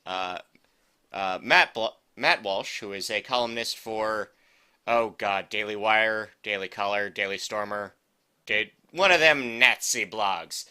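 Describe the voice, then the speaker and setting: A man's voice: fairly low pitch, lively intonation, unhurried, bright, forceful tone, clean tone. A man co-hosting a casual podcast, rambling and correcting himself with a wry edge. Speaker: podcast co-host. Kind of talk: casual chat.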